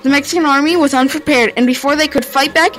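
A woman's voice: high voice, fairly even intonation, fast talker, a bit bright, faint music behind, rough recording. A woman reading a history narration for her own video, informal and a little stumbling, with sudden upward jumps at each new turn in the story. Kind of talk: read-aloud history narration.

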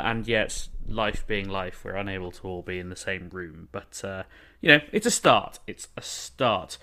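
A British man hosts a podcast in a casual, conversational way. His mid-pitched voice swings up and down freely as he talks. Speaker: podcast host, journalist.

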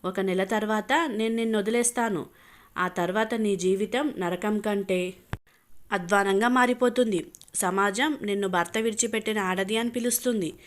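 A woman's voice: mid-range voice, normal speed, natural voice. A woman voicing a cruel, vengeful young husband who talks in a cold, taunting, menacing way.

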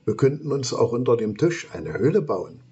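A man's voice: medium pitch, very animated, normal speed, a little mellow, husky, muffled recording, pitched above the performer's own voice. A man voicing an eager, kind young boy who coaxes with questions in a storybook reading.

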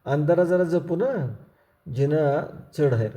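Brief: a man playing an older villager, calm and teasing, rustic and unhurried, mellow tone. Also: a little high.

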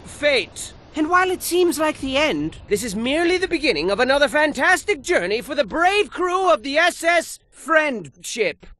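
Zany storybook narrator: high, swooping, bombastic, over game music. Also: male voice, sing-song, moderate pace, few pauses, exaggerated voice. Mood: frantic. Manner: theatrical, bombastic, with shouted sound effects. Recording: game audio under music.

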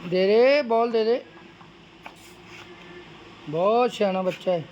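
A man's voice: high voice, slow, a little mellow, muffled recording, a little hiss or hum. A man, casually coaxing his dog with short repeated commands in a home video. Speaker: dog owner showing his pet.

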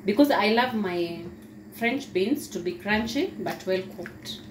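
A woman with a Kenyan accent narrating a home cooking video step by step in a relaxed, casual way, recorded in her kitchen. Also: mid-range voice, measured pace. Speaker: cooking vlogger. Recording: echoey kitchen with background noise.

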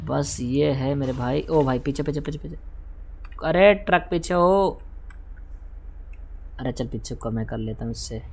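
A man doing live gameplay commentary, talking straight to his viewers, repeating words in quick bursts and humming la-la while he plays. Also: mid-range voice, vocal fry, breathy edge. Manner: excitable, repeats words in rapid bursts, hums la-la while playing; talks directly to viewers, asking for follows and shares. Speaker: gaming livestreamer.

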